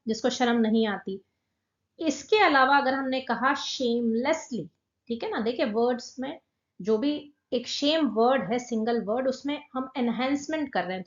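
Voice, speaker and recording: A woman teaching a spoken English lesson, patient and explanatory, who slows right down to say each English phrase clearly. Her voice sits a little high. It is recorded in a roomy space that leaves a slightly dull sound.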